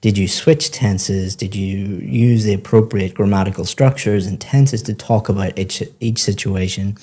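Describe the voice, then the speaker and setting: A man with a low, mellow voice gives spoken feedback to a student. He coaches English test-taking and explains each point patiently and with encouragement. His tone stays calm and even. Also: a little slow.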